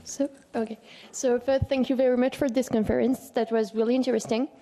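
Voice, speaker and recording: A woman's voice: on the high side, steady tone, brisk, warm tone. A young woman student asking a question at a seminar, hesitant with many fillers, English not her first language. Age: young adult. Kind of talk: audience question.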